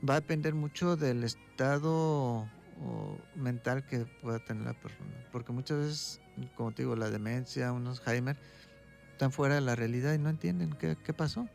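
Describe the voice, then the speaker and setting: A man, a doctor speaking as a guest expert in an interview, calmly explaining and often checking in with a quick "right?". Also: medium pitch, vocal fry, soft background music. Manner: calm, explaining, tags points with "¿sí?".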